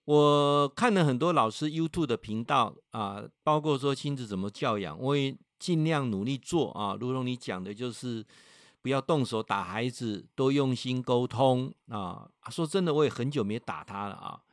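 A man with a Taiwanese Mandarin accent, a professor on a livestream, reading out a viewer's letter with animated storytelling and acting out its voices. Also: mid-range voice, normal speed, dry recording, studio quality.

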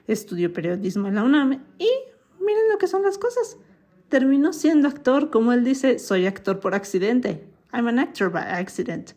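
A woman's voice: a little high, dark tone. A woman from Mexico with a Mexican accent hosting a podcast, chatty and opinionated, with an occasional self-mocking laugh. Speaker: podcast host. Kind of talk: casual podcast commentary.

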